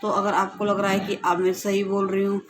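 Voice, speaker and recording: A woman's voice: medium pitch, completely flat delivery, noisy background. A woman vlogger with a Gujari-inflected Hindi accent, casually explaining in short, repeated phrases. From North India. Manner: unhurried, repeats phrases, speaks in short clauses.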